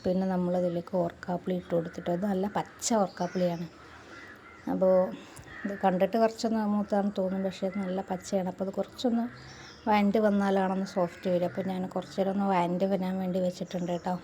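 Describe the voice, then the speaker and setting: A woman's voice: lowish voice, flat delivery, fast, warm tone, a little hiss or hum. Chatty woman's cooking voice-over. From Malappuram, Kerala. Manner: chatty, adds tag words often. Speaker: cooking channel host.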